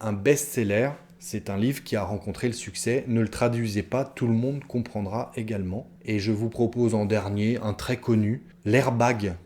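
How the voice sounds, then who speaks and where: A man giving an online French lesson, speaking straight to his viewers in a lively, chatty way with many asides and fillers. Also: lowish voice, moderate pace, few pauses. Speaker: French teacher.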